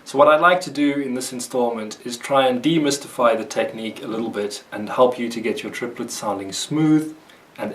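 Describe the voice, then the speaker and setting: A man's voice: mid-range voice, distant mic. A male guitar teacher explains technique in a patient, methodical way and counts along with his demonstrations. His voice sits in the middle range and is heard a little off-mic in a roomy space, with guitar playing behind him. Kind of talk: instructional video lesson. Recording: roomy sound, voice a bit off-mic.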